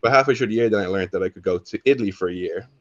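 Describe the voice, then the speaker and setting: Young Irish guy, low voice, relaxed chatty storyteller, on a dull dry line. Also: rapid-fire. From Ireland. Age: young adult. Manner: rambling, self-correcting, laid-back. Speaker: guest. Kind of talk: casual interview storytelling.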